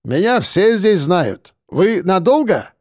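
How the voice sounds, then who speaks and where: A chatty, hospitable cab driver with a light Caucasus accent, as an audiobook reader puts him on. He talks warmly and stays unflappable, his voice lifted up high and swinging lively. The reading sounds close and dry. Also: slow pace, no room sound, full character voice. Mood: friendly, hospitable. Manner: warm, chatty, unflappable, calls people dear. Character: cheerful hospitable middle-aged male cafe owner driving a cab. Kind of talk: audiobook character voice.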